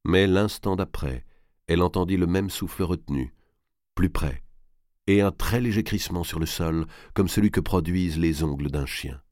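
A man with a very deep voice reads a historical novel aloud, measured and dramatic. The sound is dry and close. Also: darkish tone, no room sound. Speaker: narrator. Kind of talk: scripted narration of a historical novel.

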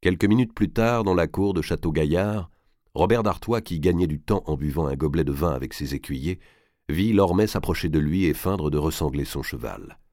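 Male audiobook narrator, deep voice, dry close recording. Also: darkish tone, dry recording. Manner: measured, dramatic reading. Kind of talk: scripted narration of a historical novel.

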